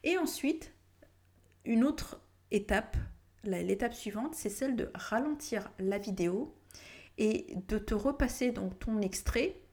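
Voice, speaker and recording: A woman teacher talks through a pronunciation tip at an unhurried pace. Her voice carries a gravelly edge. She thinks aloud, stopping and restarting her sentences as she goes. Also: on the high side, darkish tone. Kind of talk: casual spoken tutorial.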